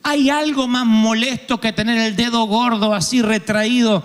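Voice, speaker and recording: Animated Argentine preacher in a big hall. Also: male voice, extremely high pitch, moderate pace, smooth. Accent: Argentine Spanish. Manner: humorous storytelling, acts out voices. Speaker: pastor. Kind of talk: sermon. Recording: long reverb of a large hall.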